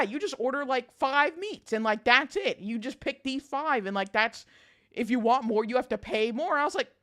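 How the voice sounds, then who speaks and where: A woman livestreamer with a high, very lively voice that swings freely in pitch. She chats casually with viewers in a bubbly, girlish style, blunt and playfully emphatic, swearing freely. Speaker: livestream host, virtual streamer. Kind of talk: casual livestream chat, reading and answering viewers.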